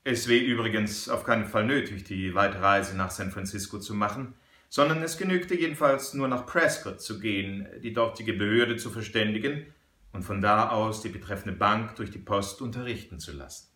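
Man reading a cool-headed frontier hunter, steady and firm, bright voice, echoey room. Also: fairly low pitch. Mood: calm. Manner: measured, explaining, firm. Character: calm, shrewd male frontier hunter.

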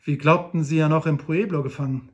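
A man's voice: on the high side, steady tone, brisk, natural voice. A man voicing a polite, grateful banker who has just been rescued, in an audiobook. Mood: earnest.

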